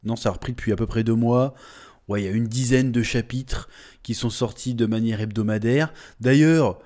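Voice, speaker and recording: A man hosts a casual manga news commentary with a warm, relaxed voice at an ordinary middle pitch. He talks bluntly and chattily, full of hesitations, and plays up his points with exaggerated, mock-dramatic emphasis. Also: normal speed. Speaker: host of a manga channel.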